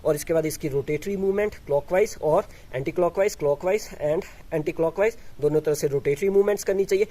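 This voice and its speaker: Man, yoga instructor, high-pitched voice, step-by-step explanation, demonstrating exercises. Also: normal speed, few pauses, mellow. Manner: explains step by step with frequent restarts, mixing in English terms; demonstrates exercises while talking.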